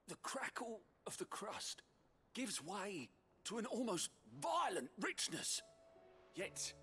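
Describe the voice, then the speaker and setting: An actor playing an effusive, grandiose gourmand in a video game, speaking in florid, theatrical style. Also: male voice, high-pitched, sharp tone, full character voice. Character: flamboyant, effusive male gourmand rhapsodising over a dish. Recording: background music under the voice.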